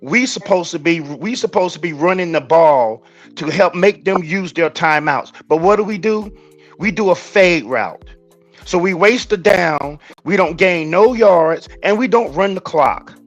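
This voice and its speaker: A man's voice: high voice, expressive, measured pace, highs cut off, soft background music. A man ranting angrily about a football loss on a podcast, exasperated and emphatic. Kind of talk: heated sports rant.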